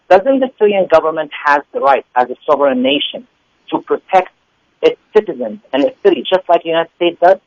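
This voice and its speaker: A man's voice: a little high, dry recording, highs cut off. A man speaking as an activist guest by phone, arguing his point insistently with many fillers and restarts. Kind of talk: phone interview, argumentative commentary. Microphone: phone line.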